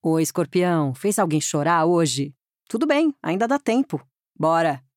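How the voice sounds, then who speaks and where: A woman's voice: fairly low pitch, sing-song, moderate pace, darkish tone, dry recording. Woman voice-over for a cheeky sat-nav, flirty and upbeat, dry close recording. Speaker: playful navigation voice. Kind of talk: scripted comedic GPS directions.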